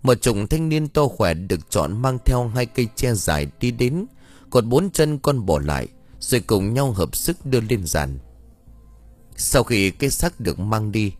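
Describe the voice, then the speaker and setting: Expressive male audiobook narrator. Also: on the low side, normal speed. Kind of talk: storytelling narration. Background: faint background music.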